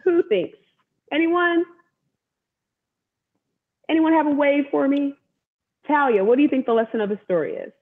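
Hosting a children's story time on a video call from indoors at home, this author and event host in her thirties speaks in an encouraging, teacherly manner. Her voice sits high, her pace is moderate with long pauses, and her wireless earbud gives the audio a dull video-call quality.

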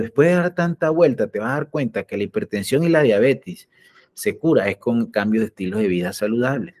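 A man, a doctor hosting a live health stream, talks in an animated, preachy way and acts out the voices he quotes. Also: fairly low pitch.

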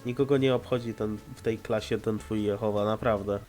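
A man's voice: lowish voice, fairly even intonation, brisk, a little mellow, faint music behind. A man with a slightly stuffed-up, nasal voice giving casual, blunt and sarcastic reaction commentary. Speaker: host of a reaction video.

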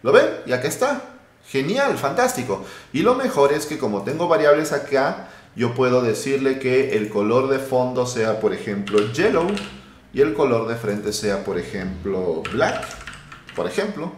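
A man teaching a live coding lesson, talking lively and thinking aloud while he types. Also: mid-range voice, moderate pace. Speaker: web development instructor. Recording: roomy echo.

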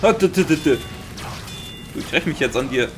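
A young man with a Bavarian accent giving excitable Let's Play commentary, swearing often and making sound-effect noises. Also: a little high, normal speed, over music. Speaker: gaming commentator.

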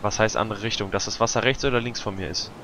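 A man talking low-key while playing a game with friends, often mumbling and trailing off. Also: steady tone, quick pace, gravelly, fairly bright tone, a little hiss or hum. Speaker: gamer. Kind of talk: casual gameplay chat.

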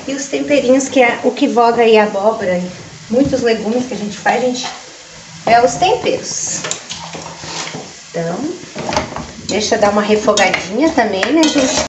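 Speaking with a fairly high pitch and lively intonation, this Brazilian woman in her forties moves at a moderate pace with long pauses. She's chatty in her home cooking vlog, often dropping "gente" and "ó," while a camera across the tiled kitchen picks up echo and cooking sounds.

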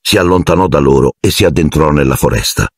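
Deep husky male audiobook narrator. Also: quick pace, no room sound, studio quality. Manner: expressive storytelling, acting out each character. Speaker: audiobook reader.

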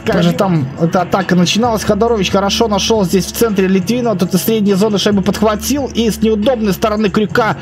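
A male ice hockey commentator. He gives live play-by-play in an excitable way, ready to lift into a shout. Music is clearly heard behind him. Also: high voice, fast talker, few pauses. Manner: excitable, rising to shouts at chances and goals.

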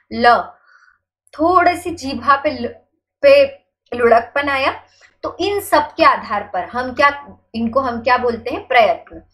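A woman's voice: on the high side, a bit bright. A young woman teaching a grammar lesson for exam preparation, asking questions and answering them herself and repeating key points to be memorized. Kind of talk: exam-prep grammar lecture.

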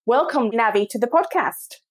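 This podcast host is a woman with a husky, somewhat high voice and lively intonation, speaking at a moderate pace. She reads a polished introduction and asks interview questions in a welcoming presenter style.

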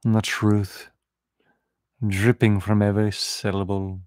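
Slow, low-voiced man giving spiritual talk. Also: little pitch movement, a little mellow, no echo, clean studio sound. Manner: slow, repetitive, affirming phrases. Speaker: spiritual teacher.

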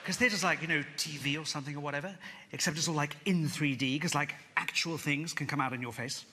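A man's voice: a little high, quick pace, close to an everyday voice. A middle-aged British actor playing a gullible RAF airman who rambles earnestly in youth street slang in a live stage comedy sketch. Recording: live theatre stage, loud audience noise.

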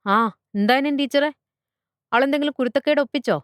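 A woman's voice: high voice, fairly quick, no echo, studio quality, pitched above the performer's own voice, lightly acted. A woman putting on a blunt butcher man. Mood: surprised. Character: blunt middle-aged village butcher man. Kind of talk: storybook character voice.

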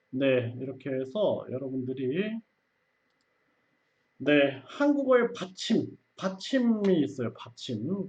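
A man's voice: mid-range voice, a little mellow, highs cut off. An older man teaching Korean pronunciation, repeating syllables for learners and mixing in Vietnamese words. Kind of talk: pronunciation lesson.

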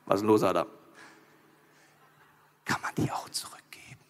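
A man voicing a patient, fatherly male God who speaks in a calm, soothing, deliberate way. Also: mid-range voice, gravelly, in a large hall, noisy background, voice pushed down.

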